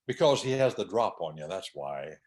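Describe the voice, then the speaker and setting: A man's voice: low-pitched, sing-song, moderate pace, a little mellow. A man hosting a conversation, driving points home with emphatic, preacher-like repetition. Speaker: host. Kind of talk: conversational talk on faith and order.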